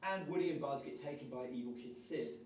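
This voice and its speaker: A man's voice: medium pitch, a little fast, a little hiss or hum. Man giving a roomy workshop talk. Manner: lively, shifts his energy up and down on purpose. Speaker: workshop speaker. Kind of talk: energetic public speaking workshop talk. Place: large room at a live workshop. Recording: roomy sound, voice from far off.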